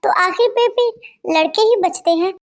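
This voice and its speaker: A high-voiced performer dubbing an easygoing, supportive young male friend who talks in a calm, coaxing way. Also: moderate pace. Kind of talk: Hindi fan dub.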